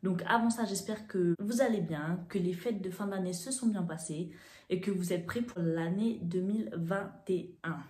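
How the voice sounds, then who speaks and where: A young woman tells a story to the camera at home in the chatty, animated way of a beauty vlogger, with plenty of fillers. Her voice sits low for a woman and sounds mellow. The room around her gives it a clear echo. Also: moderate pace.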